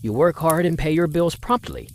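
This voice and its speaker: Playing the role of Mister Spencer in an old-time radio drama, a voice actor portrays a stern, condescending rich older father turning away a suitor. He speaks at a moderate pace in a higher voice with lively intonation, against slight background noise.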